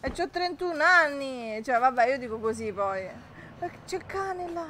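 Lady in her 30s streaming a game, highish voice, jumpy and chatty, laughs a lot. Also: lively intonation, moderate pace, bright, forceful tone, slight background noise. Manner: chatty and jumpy, laughing often, greeting viewers. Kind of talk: casual live-stream chat while gaming.

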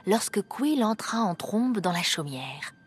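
A woman narrating a storybook game in a calm, measured way. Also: mid-range voice, slightly rough, full character voice. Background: game music.

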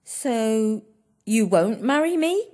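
A narrator voicing a bossy, bad-tempered elder sister who scolds and domineers in a shrill, high voice. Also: expressive, takes it slowly, dark tone. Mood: accusing. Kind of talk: storybook character voice.

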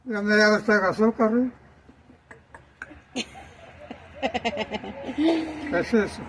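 Very old man, halting, swooping pitch. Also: expressive, background noise. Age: 90s. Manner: very old man's halting way of talking. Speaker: villager being visited. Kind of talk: casual chat. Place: doorway of a small tin shack. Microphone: handheld camera a short way off.

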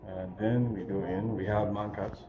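A man in his thirties leading a casual walking tour of a clinic, relaxed and pausing often with fillers, recorded on a phone he holds. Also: on the low side, noisy background. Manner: relaxed, pauses with frequent fillers. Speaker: foundation representative giving a clinic tour. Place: outdoor yard and indoor clinic rooms. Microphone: phone camera held while walking. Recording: dull lo-fi phone audio with loud crowd. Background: loud crowd chatter.

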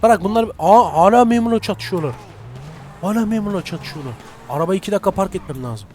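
A man giving high-energy gameplay commentary, excitable and prone to shouting at the game. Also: fast talker. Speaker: gaming YouTuber.

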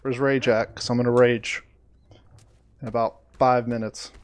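A man streaming a game live, chatting to viewers, easily frustrated, swearing and breaking into loud surprised outbursts. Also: medium pitch, level tone, unhurried, clean tone. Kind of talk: live gameplay commentary.

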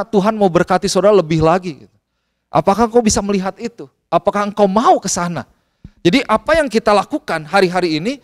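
High-voiced Indonesian pastor preaching. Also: male voice. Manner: animated, mixes in English phrases, acts out dialogue. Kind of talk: sermon.

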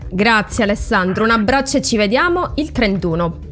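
A woman's voice: medium pitch, animated, normal speed, over music. A woman in her thirties with a Sicilian accent, hosting a casual interview from a small room at a desk microphone. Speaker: host. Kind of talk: casual video-call interview. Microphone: desk microphone on a boom arm.

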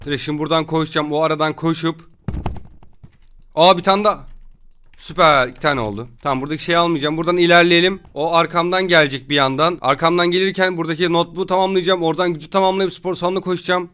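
A man giving loud, jokey commentary while playing a video game. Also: fairly high pitch, steady tone, fast. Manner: loud, jokey, yelping reactions. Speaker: gamer streamer. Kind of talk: excited gameplay commentary.

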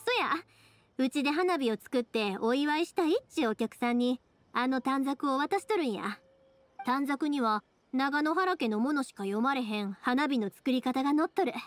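In video game voice acting, a woman plays a spirited, caring young fireworks maker with a Kansai accent. Her high-pitched voice is animated and moves at a moderate pace as she speaks in a reassuring, friendly, earnest way over background music.

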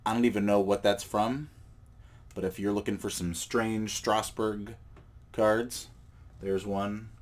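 In this casual show-and-tell vlog, a man who has a cold presents cards from his collecting channel at a table indoors. He speaks slowly in a voice on the low side, rambling easily with fillers and corrections of himself.

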